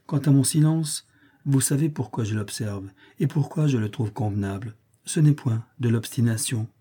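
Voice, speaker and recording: A dignified young woman who answers with proud, steady calm, as a man reads her part. The reading keeps a dark, mellow and slightly husky tone, like a storybook narrator lending her his voice. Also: medium pitch, moderate pace, natural voice. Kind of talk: audiobook character reading.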